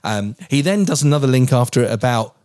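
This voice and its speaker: A man's voice: mid-range voice, expressive, fairly quick, a little mellow, dry recording, studio quality. A man in his forties with a southern English accent, co-hosting a casual podcast chat, rambling and swearing as he talks. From England. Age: 40s. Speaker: podcast co-host.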